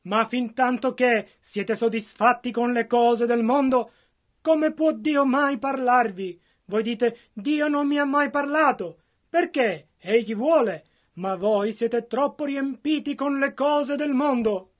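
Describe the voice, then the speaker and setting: A man's voice: very high voice, takes it slowly. A man interpreting a sermon line by line, earnest and matching the preacher's fervor.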